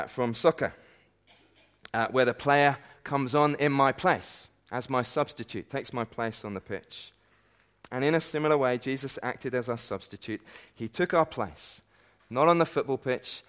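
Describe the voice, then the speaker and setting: A man's voice: mid-range voice, moderate pace. A man preaching a sermon at a conference, earnest and emphatic, with light self-deprecating asides. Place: conference meeting hall.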